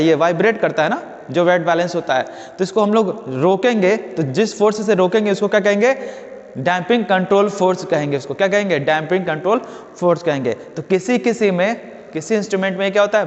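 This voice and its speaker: Man, physics lecture, high-pitched, self-answering questions, dull lo-fi sound, long reverb. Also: brisk. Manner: rhetorical questions answered himself, frequent "है ना". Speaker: physics teacher. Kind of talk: classroom lecture.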